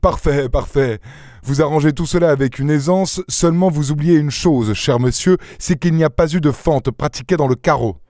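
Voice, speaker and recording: A man's voice: a little high, normal speed, darkish tone, no echo, studio quality, voice pushed up, close to an everyday voice. A man reading an audiobook, voicing an irritable aristocratic count who answers with impatience and scoffing objections.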